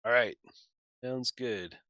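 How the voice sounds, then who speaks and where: A man playing a board game on a live stream, thinking out loud about his moves, joking and laughing easily. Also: mid-range voice, takes it slowly, dry recording. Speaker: guest player. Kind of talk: casual livestream chat while playing.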